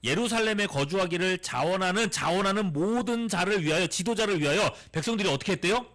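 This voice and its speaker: A man's voice: high-pitched, fast. A middle-aged man, a youth pastor, preaching a sermon to teenagers and asking them question after question. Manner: animated, asks the audience many questions.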